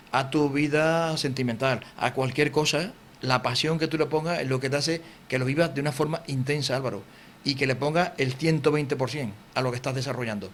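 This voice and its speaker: Middle-aged Andalusian man, rapid lively TV interview guest, slight room ambience. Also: mid-range voice, slight background noise. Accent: Andalusian Spanish. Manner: fast, animated, acts out quotes and sounds. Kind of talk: TV interview, casual explanation. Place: local TV studio.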